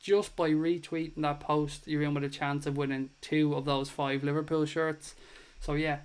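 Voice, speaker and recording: Speaking at a normal pace in a fairly high, clean voice with a level tone, this Irish man in his thirties hosts a casual live football stream. He's chatty, reads out viewer comments, swears from time to time, and gives viewers warm thanks.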